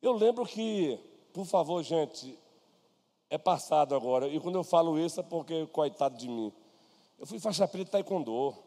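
A pastor with a Brazilian Portuguese accent preaches conversationally in a church hall, addressing the congregation by name and weaving in personal stories. His mellow voice is on the high side with lively intonation at a moderate pace, and the hall adds long reverb.

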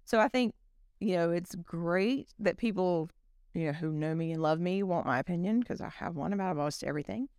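A woman in her forties, a company executive guesting on a podcast, chatting casually in an animated way with plenty of fillers. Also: fairly low pitch, a little fast, clean tone, no echo, clean studio sound. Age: 40s. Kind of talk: casual chat.

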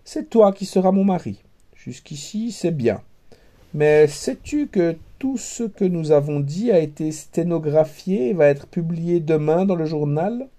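A man's voice: on the high side, lively intonation, unhurried. A man reading a storybook, voicing a haughty young princess who mocks and orders people about. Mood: teasing. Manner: sharp, commanding, teasing.

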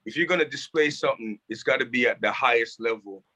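Bright-voiced animated man. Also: medium pitch, fast talker, low-quality recording. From Jamaica. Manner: animated storytelling. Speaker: music producer. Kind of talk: casual conversation. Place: rehearsal building.

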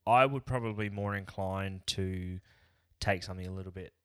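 A man's voice: low voice, moderate pace, a bit bright, clear, resonant tone, no room sound, studio quality. A man co-hosting a podcast, rambling in casual chat and throwing in jokey bits. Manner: rambling, jokey, tries silly accents. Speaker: podcast co-host.

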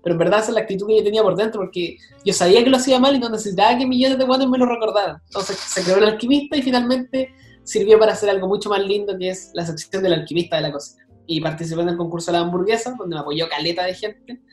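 A young man with a Chilean accent, a guest telling stories in a casual interview, full of slang and quick asides. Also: high-pitched, reverberant, soft background music. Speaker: guest, content creator.

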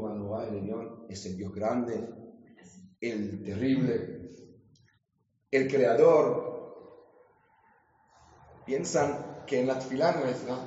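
A man, a rabbi giving a lively Torah class in a synagogue, quizzing his listeners and joking with them. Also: medium pitch. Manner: jokes and quizzes the audience with questions. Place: synagogue hall. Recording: echoey hall, dull lo-fi sound.

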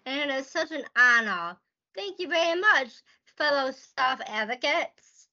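A woman's voice: sits high, animated, a little slow, sharp tone. A woman guest on an advocacy podcast, answering questions earnestly and restarting phrases as she goes. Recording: dull lo-fi sound.

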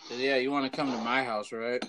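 A man with a mid-pitched voice trades crude, casual podcast banter and swears freely. The room is echoey like the inside of a fishbowl, with a hubbub of voices behind him. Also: fairly even intonation, quick pace, a crowd in the background. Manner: crude, profane. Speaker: podcast guest or co-host. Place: echoey room, not soundproofed.

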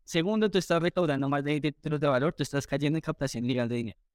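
A man from Colombia, a guest recounting his story in an interview with animated retelling and quoted dialogue. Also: a little high, very fast, smooth, dry recording, studio quality. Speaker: entrepreneur guest.

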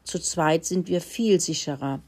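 A woman voicing a sensible young female mouse who scolds in a squeaky voice. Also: measured pace, a little mellow, husky. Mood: earnest.

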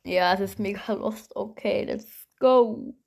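A woman's voice: medium pitch, slow, creaky, darkish tone. A woman hosting a podcast, chatting casually and slangily to her followers in a rambling, giggly way. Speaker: podcast host.

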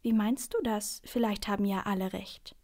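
A woman voicing a shy young girl in a storybook reading, with a soft, timid manner. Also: medium pitch, steady tone, normal speed, lightly acted.

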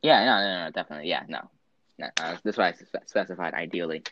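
Very deep-voiced joking young man. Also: fast, highs cut off, a little hiss or hum. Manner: animated, joking, laughs often. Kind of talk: casual chat.

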